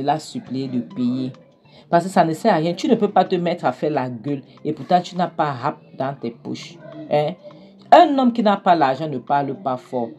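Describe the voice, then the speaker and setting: A woman voicing a blunt male friend who lectures a broke man, loud and emphatic. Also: low-pitched, a little hiss or hum, close to an everyday voice.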